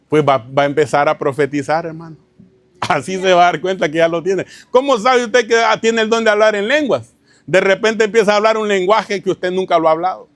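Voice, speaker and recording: A man with a fairly high voice preaches a teaching sermon to his congregation. He keeps checking whether they follow him and calls them brother. He tells stories in an easy, informal way. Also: dry recording. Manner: keeps asking the congregation rhetorical questions, addresses them as "hermano". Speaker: pastor.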